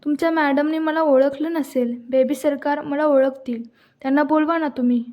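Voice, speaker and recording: A woman's voice: sits high, fairly even intonation, moderate pace, lo-fi sound, lightly acted. A woman reading as a pleading young village man. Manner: pleading, insistent. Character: humble young village man seeking work.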